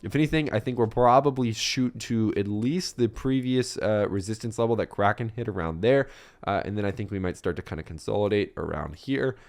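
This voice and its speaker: A young man hosting a casual crypto video, chatty and rambling, with a voice that is a bit rough today. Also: on the low side, brisk. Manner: chatty and rambling, many fillers and restarts. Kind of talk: casual market commentary.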